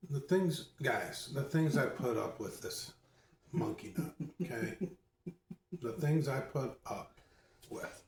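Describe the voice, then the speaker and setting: Man, host, casual chat, soft-spoken, teasing, distant phone, echoey room. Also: mid-range voice, lively intonation, slow pace, creaky, long pauses. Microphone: phone across the room, no mic.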